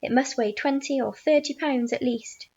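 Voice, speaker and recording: A woman voicing a bossy, cruel, excitable aunt from a storybook, shouting and snapping imperiously. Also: high-pitched, moderate pace, husky, highs cut off. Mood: alarmed, bossy.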